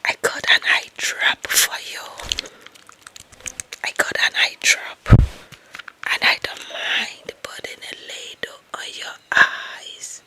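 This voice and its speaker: Playing a possessive young office employee smitten with love, a woman with an African accent delivers a breathy, whispered ASMR roleplay, coaxing and fawning with slow emphasis. Her voice stays close to an everyday one, and the mood is fawning and eager.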